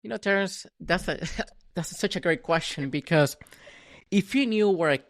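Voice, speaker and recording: A Venezuelan man whose first language is Spanish tells his story as a podcast guest, casual and reflective. His voice is high-pitched and his pace moderate, and he often restarts sentences and repeats words.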